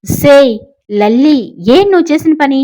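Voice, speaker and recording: A woman voicing a loud, fussy, scolding middle-aged mother in an audiobook story. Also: a little high, animated, a little fast, natural voice, low-quality recording. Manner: scolding, shouting.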